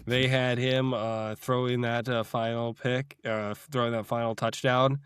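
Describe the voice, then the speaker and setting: A man's voice: mid-range voice, flat delivery, unhurried, fairly bright tone, clean tone, no echo, studio quality. Blunt teasing man in podcast chat. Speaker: podcast co-host. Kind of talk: casual sports chat.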